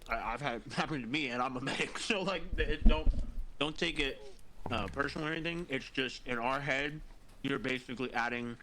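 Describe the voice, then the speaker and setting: Over voice chat, a tired man trains medics in a game group, rambling, swearing, correcting himself and eating as he talks. His mid-range voice is bright and forceful, with a little hiss or hum in the audio.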